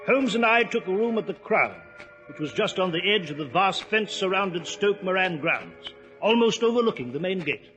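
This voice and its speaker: An actor playing a loyal, earnest British gentleman doctor and storyteller in a 1940s radio drama. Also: sits high, animated, normal speed, faint music behind. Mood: earnest storytelling. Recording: reverberant, dull old radio recording.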